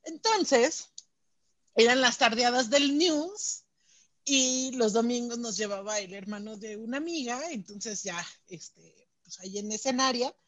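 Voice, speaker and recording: A woman's voice: fairly high pitch, a little slow, no room sound. A woman with a Mexican Spanish accent, telling stories in casual slangy chat. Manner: animated storytelling with slang.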